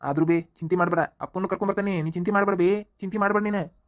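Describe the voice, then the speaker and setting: A woman's voice: on the low side, steady tone, racing, close to an everyday voice. Brief: a woman playing a cocky young cartoon thief son, brash and swaggering. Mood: reassuring. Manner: cocky, calls his mother "bē". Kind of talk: cartoon voice acting.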